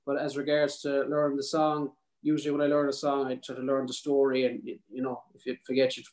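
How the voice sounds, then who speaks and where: Male podcast guest, west of Ireland Mayo accent, rapid easygoing conversational delivery over a video call. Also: medium pitch, completely flat delivery, a little mellow. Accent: South Mayo, west of Ireland. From County Mayo, Ireland. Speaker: podcast guest, country singer. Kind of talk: casual interview chat over video call.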